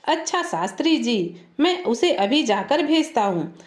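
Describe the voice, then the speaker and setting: A woman's voice: sits high, sing-song, measured pace, reverberant. A woman voicing a plain, humble older village father-in-law who speaks simply. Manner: plain, humble, then stern.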